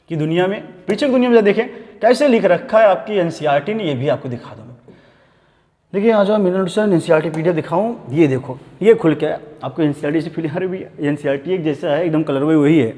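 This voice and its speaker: A man with a high, warm voice teaches exam-prep biology in Hinglish, addressing his students as "beta" and urging "dhyan denge" again and again. Textbook passages come out slowly, explanations fast, all under a lingering reverb.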